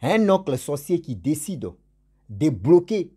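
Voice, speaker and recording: A man with a cold and a cough tells a story casually to his channel's subscribers, repeating words for emphasis. His slow, slightly rough, sing-song voice swings between loud stressed words and endings that fade low.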